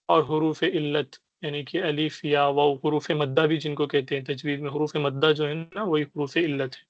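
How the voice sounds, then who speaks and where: A man teaching a beginners' Arabic class, explaining patiently and sounding out letters and vowels slowly. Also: on the high side, gravelly, no room sound, dull audio. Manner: patient explaining, repeats "ٹھیک ہے" to check understanding. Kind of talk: online language lesson.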